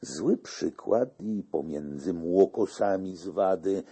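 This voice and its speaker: A man's voice: low voice, takes it slowly, dark tone, breathy edge, exaggerated voice. A man voicing a scheming older monk who scolds and pleads earnestly in a classic storybook reading. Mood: urgent.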